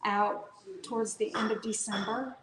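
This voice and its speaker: A Southern-accented author from North Carolina chats casually as an interview guest, relaxed and full of fillers and restarts. Her voice is a little high at normal speed, recorded in an echoey room.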